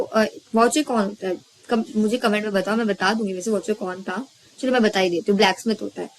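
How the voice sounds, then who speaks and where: Chatty woman teacher with a high voice. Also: rough recording. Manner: chatty, asks questions and answers them herself. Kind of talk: casual lesson retelling a story.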